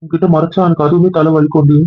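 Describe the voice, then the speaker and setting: A man pleads and apologizes in a quick, flat run of words, pitched a little high, with a husky edge. The sound is tinny and dry, like a phone line, with faint music behind him. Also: no room sound. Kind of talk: couple's argument vlog.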